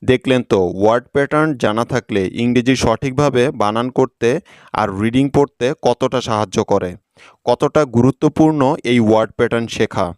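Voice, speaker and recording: Male tutor, patient and methodical, smooth resonant tone, dry close-miked sound. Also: mid-range voice, brisk, darkish tone, no echo. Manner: patient, spells words out letter by letter. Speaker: English teacher. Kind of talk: scripted lesson narration.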